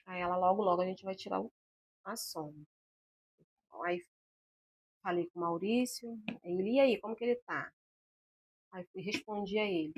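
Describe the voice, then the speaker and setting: A woman, an interview guest telling a personal story about her son and acting out the voices of the people in it. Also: medium pitch. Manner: animated, acts out the dialogue she recounts. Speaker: interview guest, mother of a patient.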